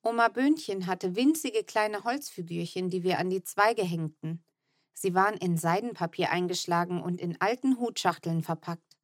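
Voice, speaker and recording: A woman's voice: fairly low pitch, moderate pace, no room sound, studio quality. A woman narrating a children's book in the first person, telling the story evenly and tenderly. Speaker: audiobook narrator.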